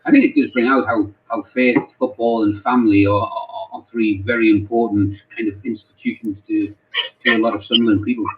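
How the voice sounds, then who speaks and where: A man's voice: lowish voice, fairly even intonation. Man on a tinny call. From North East England. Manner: halting, repeats words often. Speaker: football club chaplain. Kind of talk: casual interview answers. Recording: tinny phone-like call audio.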